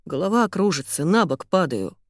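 A dazed, helpless police colonel mumbles his words in a thin, childlike whine, as a woman narrator puts him on. The voice sits fairly low and dry, with no room around it. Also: very animated, moderate pace, no echo. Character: bewildered middle-aged male police colonel, helpless.

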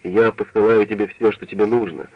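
Man reading as a hoarse, bitter old doctor. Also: lowish voice, fairly even intonation, brisk, no echo. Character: older male doctor, ashamed and angry. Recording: dull, dry radio recording.

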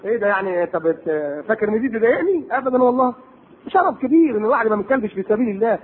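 High, rapid-fire Egyptian preacher. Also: male voice, husky. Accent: Egyptian Arabic. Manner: animated, rhetorical questions, sarcastic asides. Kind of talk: religious lecture. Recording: tinny lo-fi tape recording.

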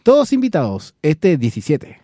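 Joking Chilean radio co-host, mellow tone. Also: male voice, a little high, huge pitch swings, moderate pace, dry recording, clean studio sound. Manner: joking, banter-heavy, coaching his co-host. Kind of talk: casual late-night radio chat. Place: community radio studio.

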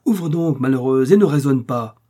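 A man voicing a furious, drunken middle-aged carpenter who shouts at his daughter. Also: medium pitch, moderate pace, husky. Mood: bullying. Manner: shouting, raging.

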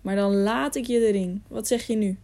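A gruff, commanding robber chief from a storybook, barking orders in a warm, mellow voice, as a woman reads him aloud. He sounds stern and harsh, used to being obeyed. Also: medium pitch, normal speed, natural voice. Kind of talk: audiobook reading.

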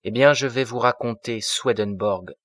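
A man's voice: medium pitch, normal speed, a bit bright, no room sound, clean studio sound, lightly acted. A man reading the lines of a kindly, naive old pastor in a storybook reading. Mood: explaining. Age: older.

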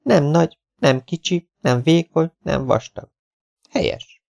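A male audiobook reader voicing a passionate young woman with breathy, eager exclamations. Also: on the high side, darkish tone, no echo, clean studio sound, voice pushed up. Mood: playful.

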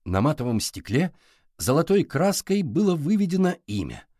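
A man narrating an audiobook with expressive storytelling. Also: on the high side, moderate pace, no echo, studio quality.

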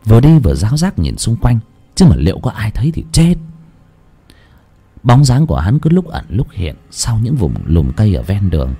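A man narrating a rural ghost story in a dramatic, expressive way. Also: on the low side, normal speed, husky, soft background music.

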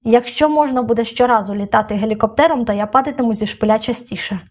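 A woman voicing a bold, reckless little girl in an audiobook, talking in a loud, daring and teasing way. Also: on the high side, quick pace, lightly acted. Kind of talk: audiobook character voice.

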